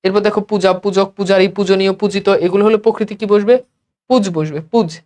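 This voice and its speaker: A man's voice: high voice, fairly even intonation, brisk, darkish tone. A male teacher from Bangladesh giving an exam-prep grammar lesson, asking questions and answering them himself in a repetitive drill.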